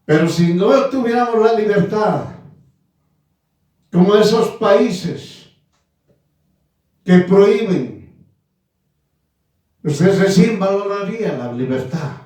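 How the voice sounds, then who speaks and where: A man in his nineties preaching a sermon, slow and emphatic, repeating his phrases. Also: high voice, lively intonation, darkish tone. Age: 90s. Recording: echoey room from far off.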